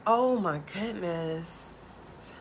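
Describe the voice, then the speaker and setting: This tarot reader speaks extremely slowly as she chats with her live-stream viewers, keeping her low natural voice soft and laid back, seldom lifting it. Faint hiss sits behind her as she says "like" often and swears casually.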